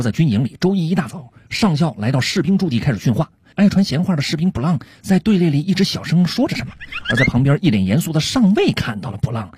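A man reads short comic stories on a radio show, telling them quickly in a lively, varied voice. His pitch sits a bit high. There is noise behind him. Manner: storytelling. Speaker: comedy narrator. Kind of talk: scripted radio comedy narration.

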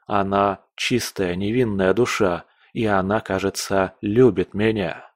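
An earnest young nobleman, as a man puts him on, low-pitched and firm. He speaks with stubborn conviction in a storybook reading. The sound is close and dry. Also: fairly even intonation, measured pace, no room sound, natural voice.

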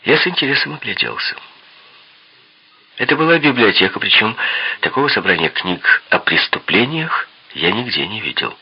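Low gravelly narrator reading a detective novel. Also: male voice, normal speed, pauses often, muffled recording. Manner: lively first-person reading.

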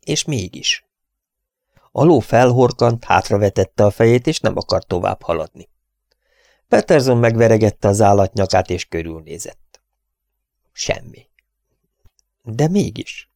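Male audiobook narrator, low gravelly voice, measured dramatic reading, dry close mic. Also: sing-song, darkish tone, no echo. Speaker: audiobook reader. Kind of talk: scripted narration.

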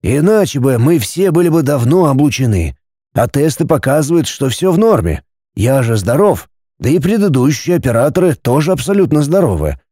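Man playing a driven stubborn scientist, calm and reassuring, mellow, close dry recording. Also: mid-range voice, normal speed, slightly rough, no room sound. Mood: persuasive, reassuring. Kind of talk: audiobook character reading.

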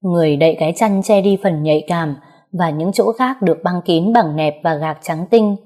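Low, mellow woman narrating a story. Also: moderate pace. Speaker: audiobook narrator.

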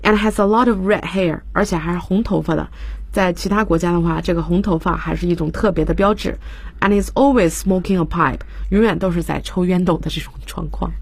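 A woman's voice: on the low side, brisk, vocal fry, slightly rough, no room sound. A woman English teacher on a radio program, explaining grammar in Chinese and reading English example lines. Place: radio studio.

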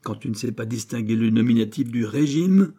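A man voicing a furious old priest schoolmaster in an audiobook, shouting heavy-accented scolds. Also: medium pitch, measured pace, close to an everyday voice. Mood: scornful.

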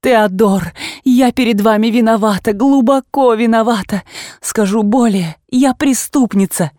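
Woman doing a weepy begging young wife, slow and dramatic, goes way up high when she cries out. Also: a little mellow, dry recording, studio quality, natural voice. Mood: pleading. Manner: imploring, slow, breaking into high tearful cries. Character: remorseful pleading young wife, tearful, dramatic.

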